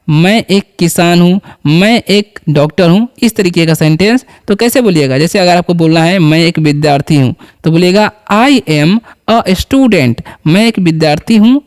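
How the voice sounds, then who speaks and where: A man's voice: high voice, a little mellow. A man teaching a beginner English lesson, patiently repeating each word and quizzing the viewer. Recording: long hall reverb.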